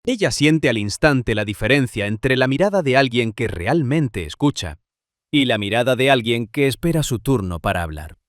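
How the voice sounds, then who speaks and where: A man giving scripted narration in measured, short phrases with pauses. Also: medium pitch, lively intonation, dry recording, studio quality.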